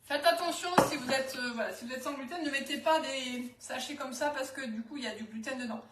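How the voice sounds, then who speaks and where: A high-voiced woman with a southwest French accent talks through a live home-cooking demo, chatty, full of fillers and restarts. She sounds some way off from the microphone in an echoey kitchen, with faint noise behind her. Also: fairly quick, distant mic. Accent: southwest French, Toulouse area. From southwest France. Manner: chatty, hesitant, many fillers. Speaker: cookware sales consultant.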